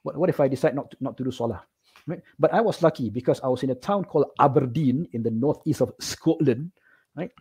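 Speaking very quickly in a medium-pitched, mellow voice that is soft-edged, husky, and breathy, a middle-aged man from Singapore shares personal stories as an interview guest. He's casual and animated, repeatedly asking "right?" to check in with his listener.

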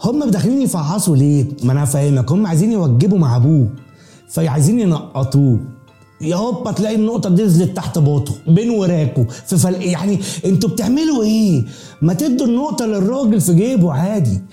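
A young man with an Egyptian accent races through a comic podcast monologue, his voice dark and mellow yet pitched a little high. He tells it in animated, slangy bursts, with faint music under him. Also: fast talker. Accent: Egyptian Arabic. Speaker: podcast host.

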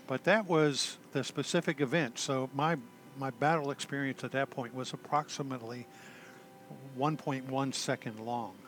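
An older man, a retired army chaplain, telling his story in a halting, self-deprecating way with dry humor. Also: medium pitch, fairly even intonation, a bit bright, slight background noise. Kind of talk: conversational storytelling.

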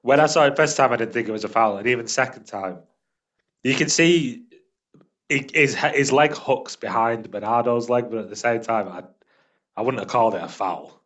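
A man's voice: mid-range voice, moderate pace, a bit bright. A man giving blunt, casual banter as a regular on a football podcast.

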